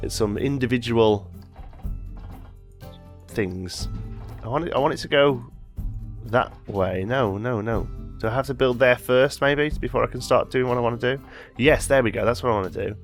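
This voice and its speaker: A man with a mid-range voice and some vocal fry hosts a let's play while mildly congested. He talks through his building in casual commentary, often correcting himself mid-sentence.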